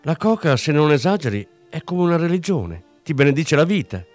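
A man's voice: fairly high pitch, sing-song, a little fast, a little mellow, faint music behind, pitched above the performer's own voice. A man voicing a cocky, chatty drug dealer with a mocking, breezy patter, in an audiobook reading. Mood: boastful.

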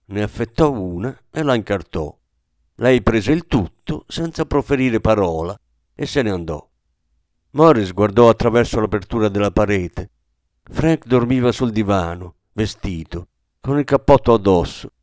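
A man narrating a novel aloud in a measured, storytelling manner, raising his pitch for the characters' quoted lines. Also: expressive, a little mellow, dry recording, studio quality. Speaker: audiobook narrator. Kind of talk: scripted narration.

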